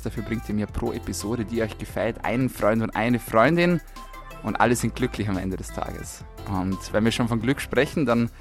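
A man hosting a health podcast, chatty and friendly, repeating his welcomes. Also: on the low side. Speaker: podcast host. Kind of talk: casual podcast interview.

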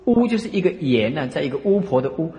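A Buddhist monk lectures in a high, animated voice that leaps up and down in pitch. He presses his points with emphatic rhetorical questions. His voice rings out with a long reverb, as if he is in a large lecture hall. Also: fast. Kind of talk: dharma lecture.

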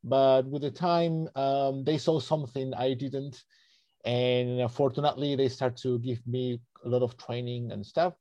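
A man's voice: medium pitch, steady tone, measured pace, warm tone, no room sound, lo-fi sound. A man in his thirties from Argentina, with an Argentine accent, a native Spanish speaker, answering interview questions as a guest naturalist guide in a friendly, hesitant way. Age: 30s.

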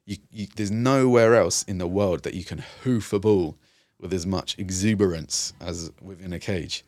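A man with a very low, deep voice talks through his work in a thoughtful, halting way, often circling back with fillers and restarts. The sound is close and dry, with no room behind it. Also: darkish tone, dry recording. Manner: reflective, frequent fillers and restarts. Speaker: youth and community worker, guest. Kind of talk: conversational interview.

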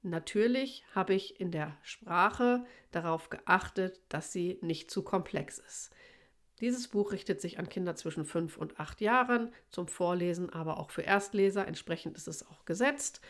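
A woman's voice: on the low side, expressive, unhurried. A woman, a children's author, hosting a casual podcast and thinking aloud with small fillers. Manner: thoughtful, with fillers.

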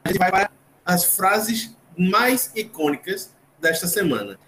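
A man's voice: sits high, animated, a little slow. A man hosting a casual podcast, chatty and joking as he recaps a cooking show. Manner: chatty, recaps with jokes and asides. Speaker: podcast host. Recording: roomy echo, faint noise.

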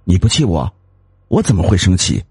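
A man's voice: sing-song, a little fast, dark tone, slightly rough, dry recording, studio quality, full character voice. A man voicing a greedy, scheming wife who bosses and scolds her timid husband. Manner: scolding, bossy, shrill. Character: scheming greedy wife, woman, sharp-tongued.

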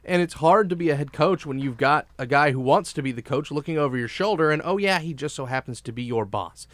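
A man co-hosting a sports talk show, arguing his opinions emphatically with quick restarts. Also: a little high, no room sound.

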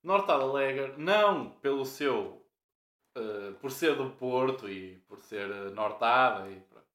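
Male host with a European Portuguese accent, halting tipsy chat, roomy sound. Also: medium pitch, expressive, fairly bright tone. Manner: rambling, halting, laughing. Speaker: podcast host.

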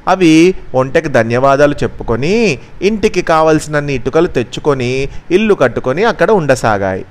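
A man narrating a children's story at a measured, expressive pace. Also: a little high.

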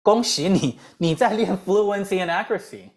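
A woman with a Taiwanese Mandarin accent giving a lively English lesson, full of rhetorical questions and repeated drills. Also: medium pitch, normal speed. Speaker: English teacher. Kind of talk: lively lecture.

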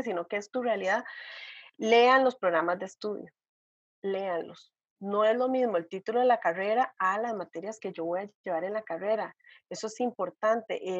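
A woman's voice: medium pitch, breathy edge, no echo. A woman, a vocational counselor giving earnest, emphatic advice in a podcast conversation. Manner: earnest, emphatic, repeats key points, asks rhetorical questions. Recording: dull lo-fi dry sound.

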